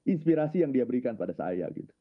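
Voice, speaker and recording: Man, mid pitch, reflective storyteller with a habit of tagging every phrase, phone-line sound. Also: very animated. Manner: unhurried, leans on filler tags at phrase ends. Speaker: guest speaker on his own channel.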